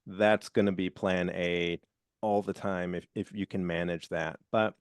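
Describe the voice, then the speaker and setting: This friendly podcast host is a middle-aged man whose low, steady voice moves at a measured pace, clear and resonant, with the occasional "uh" and "um." He's interviewing a guest, recorded dry on a close mic with faint music in the background.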